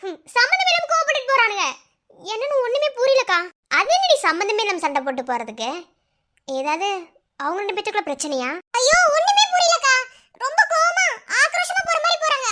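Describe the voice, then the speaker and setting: A woman's voice: extremely high pitch, pushed and bright, a little hiss or hum, full character voice. A woman voicing an anxious young village wife with a Madurai Tamil accent in a cartoon, fretting and asking worried questions. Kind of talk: cartoon voice acting.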